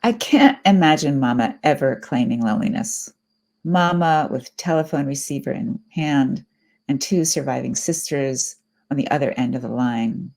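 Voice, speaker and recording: A middle-aged woman poet giving a reflective, unhurried poetry reading. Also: rumbling low, expressive, creaky, darkish tone.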